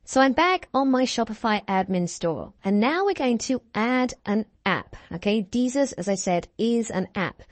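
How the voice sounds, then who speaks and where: A woman's voice: fairly high pitch, animated, normal speed, hardly any pauses, dry recording. Female course instructor, upbeat and reassuring, step-by-step screen-share narration, dry close sound. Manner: upbeat, reassuring, walks through steps.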